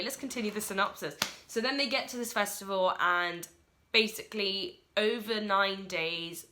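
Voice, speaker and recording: A woman giving a casual solo film review in a rushed, chatty way, full of fillers like "like" and "uh". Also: on the low side, pushed and bright.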